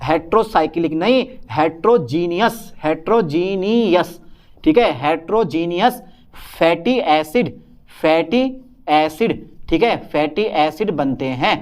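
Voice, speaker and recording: A young chemistry teacher lectures at a whiteboard in a slow, animated voice on the high side. He addresses his students and answers his own questions in a student's voice.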